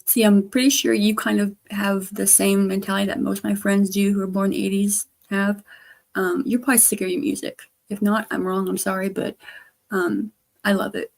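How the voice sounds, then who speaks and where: A woman livestreamer chatting casually in a halting, rambling way, her speech slightly slurred by missing front teeth. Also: mid-range voice, level tone, vocal fry, darkish tone. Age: adult, grown past teens. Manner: halting, trailing off with repeated stammered starts.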